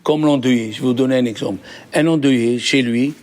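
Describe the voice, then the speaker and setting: Male rabbi, lively lesson voice, patient explainer who quizzes his class. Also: medium pitch, fairly quick.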